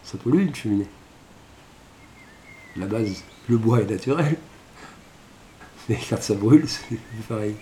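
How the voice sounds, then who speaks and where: A man's voice: fairly low pitch, animated, slow pace, pauses often, mellow, slight background noise. A man in his fifties, a rural gardener, chatting emphatically and repeating himself. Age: 50s. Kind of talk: casual chat.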